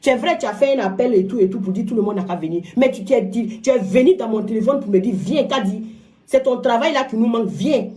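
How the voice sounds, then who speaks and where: A woman's voice: a little high, quick pace, few pauses, warm tone. Scolding woman on a live stream. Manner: scolding, emphatic, repeats words. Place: home, indoors.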